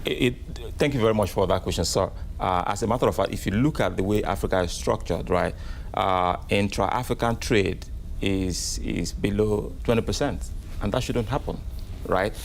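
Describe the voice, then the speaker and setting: A man answering as a guest in an interview, measured and often checking in with "right?". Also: fairly low pitch, gravelly, slight background noise.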